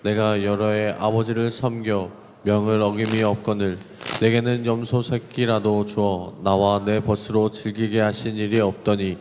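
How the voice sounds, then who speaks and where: A man reading scripture aloud in church at a measured, even pace. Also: lowish voice, slight background noise. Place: church sanctuary. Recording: long reverb of a church hall.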